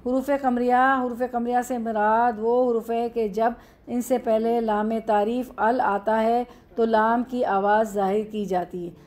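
A woman's voice: fairly high pitch, fairly even intonation, unhurried, a little mellow. A woman with an Urdu accent teaching a classroom grammar lesson, explaining step by step and answering her own questions.

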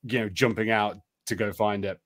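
A man hosting a live stream, switching between casual chat and expressive storybook read-aloud narration. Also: lowish voice, moderate pace. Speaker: host of a live gamebook stream.

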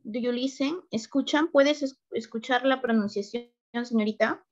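A woman teacher running an online beginner English class, slow and patient, switching between English and Spanish. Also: fairly high pitch, dull audio.

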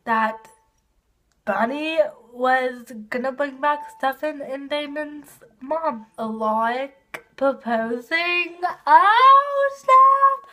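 A woman doing a casual video review of a TV episode, gushing and excitable, with lots of fillers. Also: high-pitched, slow.

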